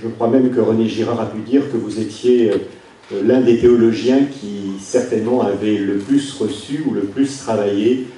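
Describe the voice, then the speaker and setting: A man chairing a session, giving a formal introduction in halting, hesitant phrases with repeated words. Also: on the low side, fairly even intonation, warm tone. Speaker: session chair, faculty dean. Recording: very echoey room, distant mic, faint noise.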